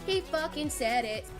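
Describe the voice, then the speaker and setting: Woman streamer, casual and foul-mouthed, mid-pitched, loud game music underneath. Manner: profane, jokey, rapid asides. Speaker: gaming streamer and journalist. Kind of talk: casual livestream chat.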